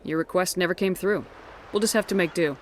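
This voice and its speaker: A woman's voice: lowish voice, fairly quick, a little hiss or hum, natural voice. A woman playing a firm, level-headed human military commander in a video game, direct and authoritative. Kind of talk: dramatic video game acting.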